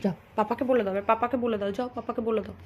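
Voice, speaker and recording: A woman's voice: a little high, steady tone, very fast, slight background noise. A mother at home coaxing her small child in a repetitive, sing-song manner. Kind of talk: coaxing baby talk.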